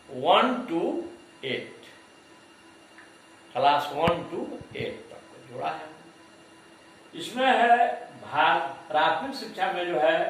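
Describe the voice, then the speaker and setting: A male lecturer talks slowly through a lesson, repeating each example word so the class catches its stress. His pitch sits a little high and swings widely. The voice is picked up from a distance in a strongly echoing room. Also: fairly bright tone, slight background noise. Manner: slow, deliberate, repeats example words for emphasis. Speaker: teacher education lecturer. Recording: echoey room, voice far from mic.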